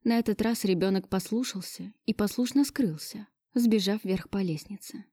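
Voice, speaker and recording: Warm-voiced woman narrating a romance. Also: mid-range voice, normal speed, slightly rough, dry recording. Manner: dramatic, emotional storytelling. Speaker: audiobook narrator. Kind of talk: first-person romance narration.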